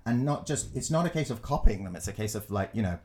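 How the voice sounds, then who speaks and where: Guy on a podcast, lowish voice, tells stories, does little voices, swears and laughs a lot. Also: quick pace. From Glasgow, Scotland. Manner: animated, acts out quotes, laughs often, swears. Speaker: podcast co-host and design teacher. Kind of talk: casual storytelling chat.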